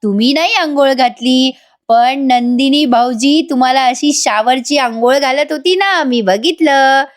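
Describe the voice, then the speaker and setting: A drunk, self-pitying young man rambles slowly in a high voice, dropping in Hindi words, as a woman puts him on. He sounds loose and sorry for himself throughout. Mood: tipsy rambling. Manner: slow, slurred, mixing in Hindi words.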